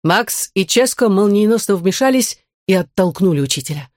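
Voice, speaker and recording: A woman's voice: medium pitch, expressive, moderate pace, darkish tone, no echo, clean studio sound. A woman reading a children's adventure story aloud as narrator, steadily, acting out the dialogue. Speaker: audiobook narrator. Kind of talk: scripted narration.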